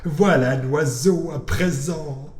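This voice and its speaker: A man's voice: a little high, slow pace, darkish tone, roomy sound. A man doing Salem, a whiny sly cat. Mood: scornful. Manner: grumbling, dramatic inner thoughts.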